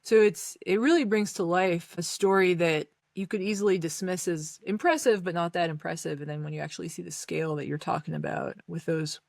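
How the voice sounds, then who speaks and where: A woman's voice: lowish voice, brisk, vocal fry, hardly any pauses, darkish tone, no room sound, studio quality. A woman from Greece, a podcast guest, explaining her thoughts at length in casual conversation.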